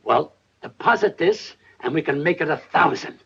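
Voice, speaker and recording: An actor playing a kindly older immigrant father, with a warm, folksy manner in 1950s film acting. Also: a little high, animated, moderate pace, gravelly, husky, full character voice. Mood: fond. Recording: dull old film soundtrack.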